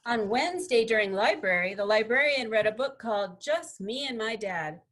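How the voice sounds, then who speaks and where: A woman's voice: a little high, normal speed. Woman reading a picture book aloud. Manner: expressive, gently paced storytelling. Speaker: student presenter.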